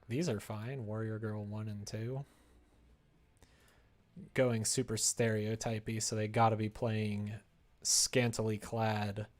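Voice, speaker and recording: Lowish and a little mellow, this man's voice carries casual chat as he develops a game on a live stream from his indoor computer desk, muttering to himself between his replies to chat.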